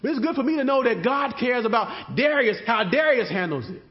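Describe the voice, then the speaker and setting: Lively high-pitched preaching man, lo-fi. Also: a little fast. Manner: preaching with rising emphasis and call-and-response rhythm. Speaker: pastor. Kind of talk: sermon.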